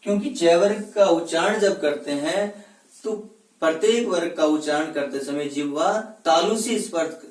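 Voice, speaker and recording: A man teaching Hindi grammar in a classroom-style lecture. He asks questions and answers them himself, and he sounds out letters slowly one at a time. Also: fairly high pitch. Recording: echoey room, voice from a distance.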